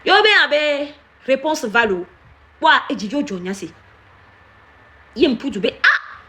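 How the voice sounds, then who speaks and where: Lively woman scolding chatters. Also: high voice, slow. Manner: animated, scolding viewers by name, mixing French with Ewe. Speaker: live-stream commentator. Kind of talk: casual live commentary.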